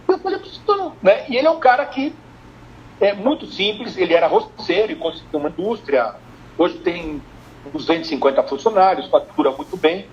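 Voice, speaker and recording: An older Brazilian man, a family business consultant, telling lively stories in a live-streamed interview and acting out the dialogue. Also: high-pitched, brisk. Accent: Brazilian Portuguese. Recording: dull lo-fi stream, faint noise.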